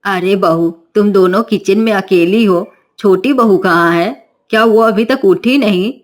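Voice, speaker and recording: A strict middle-aged mother-in-law from a cartoon story, scolding and commanding, played by a woman who drops her voice low. Her lines come in firm, lecturing runs. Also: unhurried, close to an everyday voice. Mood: stern.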